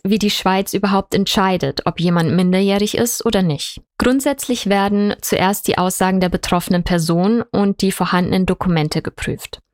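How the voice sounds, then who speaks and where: Woman reading a news story, calm and clear, dry close mic. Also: medium pitch, dry recording. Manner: calm, explanatory. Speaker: reporter narrating a story. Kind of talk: scripted narration.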